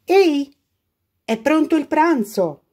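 A woman voicing an exasperated mother who shouts at her daughter in a storybook. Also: high voice, expressive, slow, voice pushed up. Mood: scolding. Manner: shouting, cross.

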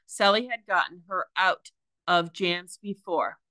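A teacher reading a novel aloud to her class in a careful, deliberate way with small slips. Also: fairly low pitch, sharp tone, no room sound.

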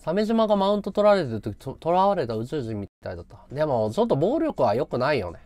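Rambling male streamer, lively pitch. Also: fast talker, no echo. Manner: rambling, muttering to himself while calculating. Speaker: live streamer. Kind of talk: casual livestream chat.

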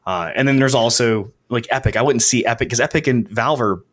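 A man's voice: mid-range voice, brisk, a bit bright. A man hosting a podcast, chatting casually about gaming news with lots of fillers and restarts. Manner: rambling, many fillers and restarts. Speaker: podcast host.

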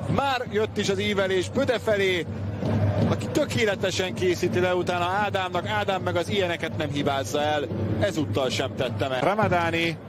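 A man doing live commentary on a football match. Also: high-pitched. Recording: loud stadium noise behind voice.

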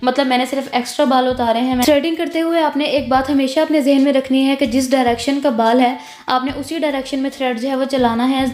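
Lady explaining eyebrow threading, high flat voice, echoey room. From Pakistan. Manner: instructive, repeats "jo hai", mixes English words. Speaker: beautician teaching eyebrow threading. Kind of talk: tutorial voice-over.

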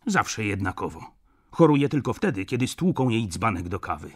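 A man's voice: lowish voice, sing-song, moderate pace, breathy edge. A man reading an audiobook, voicing a hot-tempered, romantic shopkeeper who bursts out indignantly. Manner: indignant, shouting outbursts.

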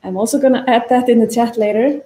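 A woman's voice: on the high side, steady tone, fast talker, warm tone, roomy sound. A woman presenting an initiative during a conference keynote over a video call, talking casually with fillers and self-corrections.

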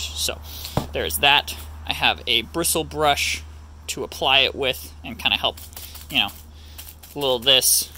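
Young man, bright joking farm vlog voice. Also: medium pitch, a little hiss or hum. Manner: joking, chatty, explains as he works. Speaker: farm vlogger. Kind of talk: casual DIY vlog. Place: outdoor farm yard and workshop.

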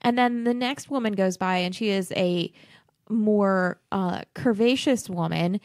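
A woman's voice: medium pitch, measured pace, darkish tone, no room sound, studio quality. Blunt, swearing woman podcast co-host. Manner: blunt, sarcastic, swears freely. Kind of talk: casual film-discussion podcast chat.

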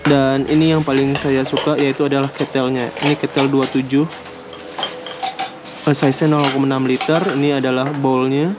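Seated at an indoor table, an Indonesian man casually unboxes and reviews camping gear, speaking in a relaxed, hesitant way with small laughs. His voice is medium-pitched and at normal speed, with background noise and music behind him.

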